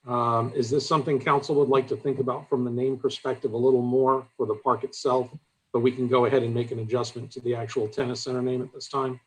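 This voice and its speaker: A man running items at a city council meeting, speaking in a measured, procedural way. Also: mid-range voice, flat delivery, slightly rough, rough recording.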